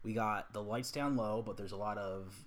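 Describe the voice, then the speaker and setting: A man co-hosting a podcast in casual chat, playful with deadpan jokes, recorded in an apartment. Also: lowish voice, normal speed. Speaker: podcast co-host. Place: apartment with dimmed lights.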